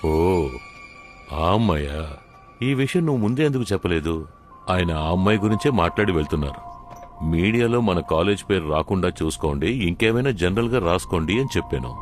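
A man's voice: sits low, expressive, fairly quick. An actor playing a haughty, crooked male college chairman who turns threatening. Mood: dismissive. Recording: film soundtrack with loud music.

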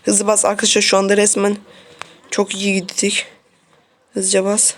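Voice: mid-range voice, monotone, normal speed. A streamer giving casual commentary on a mobile shooter game, repeating short phrases and talking straight to the viewers. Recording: faint noise and clicks.

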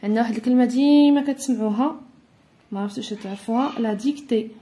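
A woman teacher with a Moroccan accent, walking through a primary school lesson and repeating words slowly for her pupils. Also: a little high, mellow. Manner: switches between Moroccan Arabic and French, repeats words slowly. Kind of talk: classroom lesson walkthrough.

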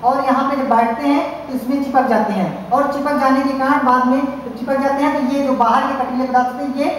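Her high voice stays steady and a little fast as she gives a classroom science lecture at a college. She has a Hindi-speaking North Indian accent and explains with many repeated fillers and restarts, in a very echoey hall with faint hiss.

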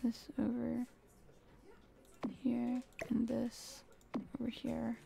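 Gravelly slow-talking woman streamer. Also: a little high, monotone, mellow. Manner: muttering to herself, frustrated sighs. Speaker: game streamer. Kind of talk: casual gameplay commentary.

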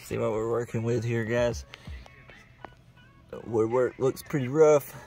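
For his casual sailing vlog, a man in his forties talks to the camera from his boat on open water, over background music. His voice is medium in pitch with a dark tone, fairly even intonation, and a measured pace.

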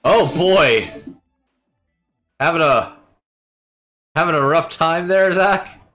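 A man's voice: on the high side, slow, fairly bright tone, soft background music. A man co-hosting a game stream, joking casually while playing. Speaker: streaming co-host. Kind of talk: casual gameplay chat.

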